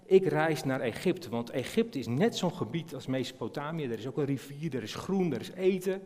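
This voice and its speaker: A man with a Dutch accent preaches in a loose, conversational way, stumbling over fillers and tossing questions to the listeners. His voice sits a little high for a man. The sound carries a long reverb from the church hall. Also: big pitch swings, brisk, mellow. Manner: chatty, hesitant, many fillers, asks the audience questions. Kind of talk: informal sermon.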